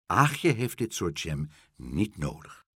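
A man voicing a kind, solemn gentleman in a storybook reading. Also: low-pitched, very animated, slightly rough, dry recording, pitched below the performer's own voice, exaggerated voice. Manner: solemn, measured.

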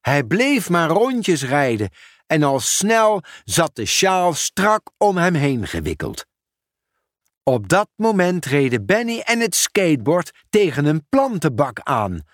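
A man reading a children's story aloud in an expressive, unhurried manner. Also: a little high, no echo, clean studio sound. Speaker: narrator. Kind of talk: storybook read-aloud narration.

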